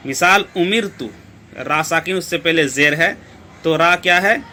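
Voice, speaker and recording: Bright-voiced man teaching recitation rules. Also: fairly high pitch, a little hiss or hum. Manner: slow, repetitive explaining with rhetorical questions. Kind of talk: step-by-step tajweed lesson.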